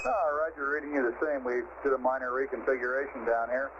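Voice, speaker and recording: An American man working as a mission control communicator, speaking in crisp procedural radio-check style over a band-limited vintage space radio link. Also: mid-range voice, steady tone, quick pace, muffled recording, background noise.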